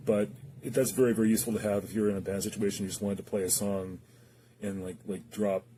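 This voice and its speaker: With slight background noise behind him, a man gives an unscripted, casual demo of a guitar effects pedal, talking hesitantly while he thinks it through. His low-leaning, mellow voice holds a steady tone at a quick pace.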